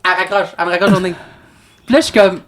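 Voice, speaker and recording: A man with a Quebec French accent, co-hosting a podcast, telling a story in a chatty, animated way. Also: high voice, rapid-fire. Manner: animated, chatty, full of restarts. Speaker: podcast co-host. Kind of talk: casual chat, storytelling.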